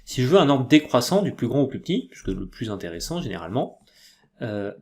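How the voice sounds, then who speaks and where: A man with a French accent giving a casual software tutorial, chatty and loose, with many fillers and self-corrections. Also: medium pitch, big pitch swings, fast talker, creaky. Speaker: tutorial presenter.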